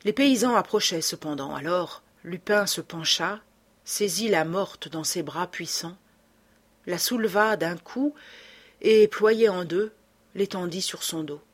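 A woman narrating an audiobook with a dramatic, expressive reading. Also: lowish voice, a little slow.

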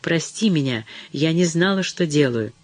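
A man's voice: a little high, expressive, normal speed, no room sound, close to an everyday voice. A man voicing a sobbing, pleading girl. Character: terrified, sobbing teenage daughter pleading.

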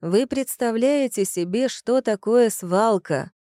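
A woman's voice: on the high side, slow pace, dark tone, no room sound, studio quality, voice pushed up. A woman reading the part of a blunt, sardonic male police colonel in an audiobook. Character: gruff sarcastic male police colonel, middle-aged. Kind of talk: audiobook character voice.

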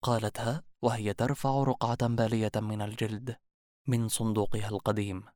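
Man reading a story out, steady, normal pitch, dead dry mic. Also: a little fast, no echo. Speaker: audiobook narrator. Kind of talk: scripted narration.

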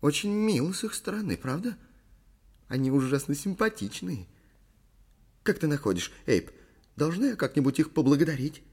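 A man's voice: a little high, sing-song, normal speed, pauses often, darkish tone, breathy edge, voice pushed up, heavily acted. A man voicing a frightened, whiny young actress in an audiobook, whimpering and pleading.

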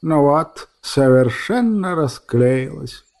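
A soft, tender old woman, as a male storyteller puts her on, her voice raised a little and hushed. She talks fondly and tearfully in a mellow, warm tone, like a grandmother in a storybook. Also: fairly high pitch, slow pace. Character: old woman, emotional, gruff yet tender.

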